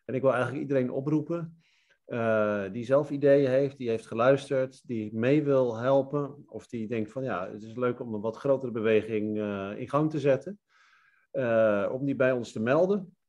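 A man's voice: medium pitch, moderate pace, a little mellow, muffled recording. A man in his fifties gives closing remarks over a video call in a mid-range voice. He sounds friendly and encouraging, with a few fillers. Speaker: team lead. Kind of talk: closing remarks in an online meeting.

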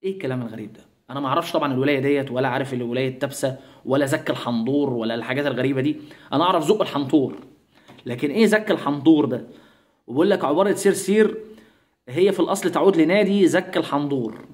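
Fast, sarcastic Egyptian man. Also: medium pitch. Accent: Egyptian Arabic. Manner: sarcastic, mocking, playful. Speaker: YouTuber. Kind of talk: comedic commentary vlog.

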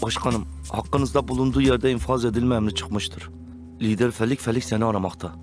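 A man's voice: mid-range voice, steady tone, a little fast, soft background music, natural voice. A young man playing a deferential henchman reporting to his boss in a TV comedy-drama, respectful and earnest. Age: young adult.

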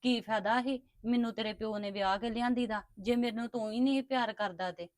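A doting stepmother in a homemade family drama, speaking in soft, coaxing tones, played by a woman. The voice is high and the sound dry and close. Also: brisk, no echo, lightly acted. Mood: tender. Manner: soothing, affectionate pleading. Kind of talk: amateur family web drama.

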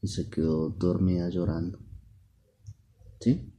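A father telling his child a bedtime story at home, in a soft, unhurried way with lots of repetition. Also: deep voice, steady tone.

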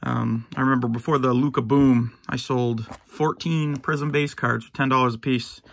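A middle-aged man opening a box of sports cards for his channel, easygoing and rambling with lots of fillers and restarts, a little hoarse and clearing his throat now and then. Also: mid-range voice, fairly even intonation, moderate pace. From United States. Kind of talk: casual box-break commentary. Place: at home, in his basement.

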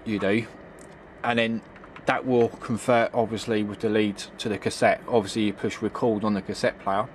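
Against a noisy background, a middle-aged hobbyist demonstrates retro computing at normal speed, his lowish voice delivered flatly. Recorded indoors at a home computer desk on a handheld camera's built-in mic, the unscripted tutorial is casual, rambling, and hesitant, with plenty of repetition.

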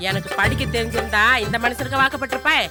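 A woman's voice: fairly high pitch, racing, close to an everyday voice. A woman playing a blunt joking village woman. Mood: teasing. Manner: teasing, self-mocking banter. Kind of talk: Tamil film dialogue. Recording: film scene with music score.

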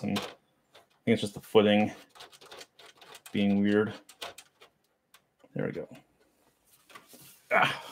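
A man in his thirties, a streamer unboxing a computer, chats casually in a small home office while working on a computer case. His lowish voice is fairly bright, rambling and self-deprecating as he mutters while handling parts. A boom mic near the desk catches slight background noise.

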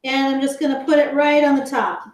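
Her voice is high-pitched and steady, with a roomy sound around it. She's teaching kids to cook in a live online class from her home kitchen, explaining every step slowly and chattily and addressing her viewers as "guys."

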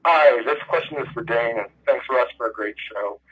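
A male caller on a radio show asks a halting question over a crackly phone line that keeps cutting in and out. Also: medium pitch, a bit bright, husky. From northern California. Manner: halting, searching for words.

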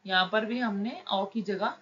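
A woman teaching shorthand, explaining each word slowly and patiently, step by step. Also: fairly bright tone. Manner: slow, patient, drawn-out words. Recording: dull low-fi recording with faint noise.

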